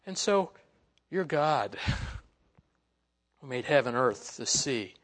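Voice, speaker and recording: A man's voice: mid-range voice, big pitch swings, slow, fairly bright tone. A male pastor preaching a sermon that explains scripture verse by verse, in a conversational, folksy way with frequent "you know" fillers. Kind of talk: expository sermon.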